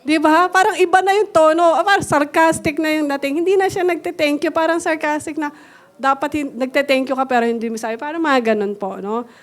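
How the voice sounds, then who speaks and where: A Filipino woman preaches a church sermon in a high, bright-toned voice. She speaks politely and gently, sliding back and forth between Tagalog and English and teaching through everyday examples. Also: brisk. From Philippines.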